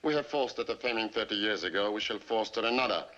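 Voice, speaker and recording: An actor playing a cold, menacing Soviet general in a 1950s film. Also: male voice, lowish voice, fast, bright, forceful tone. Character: ruthless cold Soviet general, middle-aged man. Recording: dull 1950s film soundtrack.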